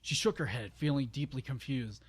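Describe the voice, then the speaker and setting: Reading a dramatic story aloud in an amateur, stumbling, informal way, this male channel host speaks at medium pitch and normal speed with a husky quality. He keeps interrupting himself with exasperated, sarcastic remarks.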